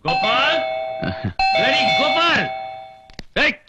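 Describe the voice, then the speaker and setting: An actor playing a drunk, blustering rich father who scolds loudly and mixes Tamil with English in a film comedy scene. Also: very high-pitched, very animated, slow pace, loud music behind the voice, heavily acted. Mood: angry.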